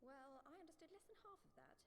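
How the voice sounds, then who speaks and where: Earnest, animated game heroine. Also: female voice, sits high, quick pace, big-room sound, a little hiss or hum. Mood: doubtful, frank. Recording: loud game music behind.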